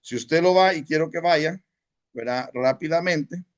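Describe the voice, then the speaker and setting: This Salvadoran man teaches Sunday school at church in a slightly high voice at a measured pace. He keeps it conversational, checks in with his listeners often, and slips English words into his speech.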